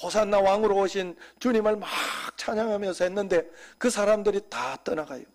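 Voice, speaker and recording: A man preaching a sermon as senior pastor, talking conversationally and dropping suddenly to soft, quiet asides. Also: high-pitched, brisk.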